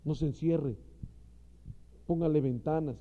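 A man's voice: fairly high pitch, a little slow, warm tone, in a large hall. A man preaching a sermon to fellow ministers, impassioned and speaking straight to his listeners. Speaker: pastor. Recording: dull lo-fi recording.

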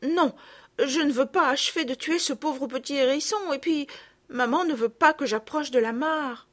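A sweet, well-behaved little girl, voiced by a woman reader, soft and tender, raised a little in pitch. A storybook voice for a children's audiobook. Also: normal speed. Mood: cautious. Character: gentle, kind little girl.

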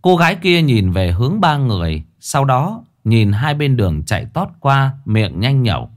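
A man's voice: medium pitch, sing-song, normal speed. A man narrating a ghost story with dramatic, scripted delivery.

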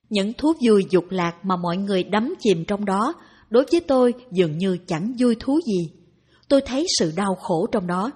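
A woman reading a dharma talk aloud in a calm, even narration. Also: medium pitch, slightly rough. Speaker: reader of dharma talks.

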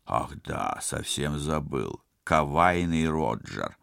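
A man's voice: a bass voice, sing-song, slow, gravelly, a bit bright, no room sound, studio quality, exaggerated voice. A man voicing a sarcastic young male pilot in an audiobook, his lines drawled and mocking. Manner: mocking, cheeky.

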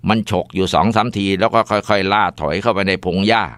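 A man tells a ghost story in a relaxed, informal way, now and then pausing on fillers. His voice is low, smooth and clear, recorded on a close mic in a dry space. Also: dry recording.

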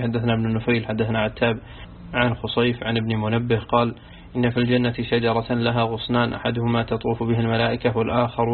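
A man reads a classical Quran commentary as an audiobook, reciting long chains of narrators at a quick clip. His delivery barely rises or falls, staying almost perfectly level. The recording is thin and phone-like, with a faint hiss underneath. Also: mid-range voice. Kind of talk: audiobook reading of a religious text. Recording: tinny narrow-band recording with faint hiss.

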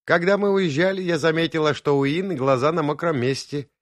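A man's voice: on the high side, a little fast, no echo, studio quality, pitched above the performer's own voice, natural voice. A man doing a frank, wry young woman. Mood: candid. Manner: candid, wry.

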